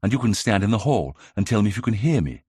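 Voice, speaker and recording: A man voicing a young 1920s gentleman amateur detective in an audiobook, brisk and self-assured as he theorizes. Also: lowish voice, very animated, slightly rough, no room sound, studio quality, voice pushed up. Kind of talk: audiobook character reading.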